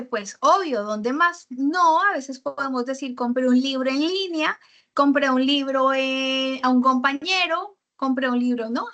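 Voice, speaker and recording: Bright high-voiced woman teaching grammar. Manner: explains grammar with example sentences, frequent fillers and checks like "¿cierto?". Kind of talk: online writing workshop lesson.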